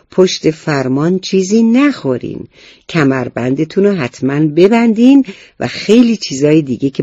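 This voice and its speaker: A man's voice: a little high, dark tone, dry recording. A man voicing an earnest first-grade boy who is a proud junior police helper, in a storybook reading. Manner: earnest, lecturing about rules. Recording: dull, muffled recording.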